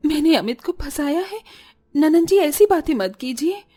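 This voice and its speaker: Woman doing a shy sweet young bride in a cartoon, soft and pleading, high voice. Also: lively intonation, moderate pace. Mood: meek. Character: meek, gentle young bride.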